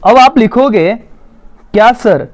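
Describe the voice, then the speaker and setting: Animated, high-voiced male teacher. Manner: dictates slowly, then explains in fast Hindi. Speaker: commerce teacher. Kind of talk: exam-prep lecture.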